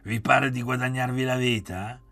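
A man's voice: mid-range voice, fairly even intonation, moderate pace, bright, forceful tone, pitched above the performer's own voice. A man reading aloud, voicing a mocking, restless young man who needles his friends. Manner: sneering, provocative. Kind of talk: audiobook reading.

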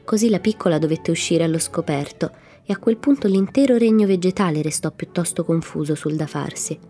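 A woman reading a classic children's storybook aloud in a calm, even manner. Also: on the low side, fairly quick, soft background music. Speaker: audiobook narrator.

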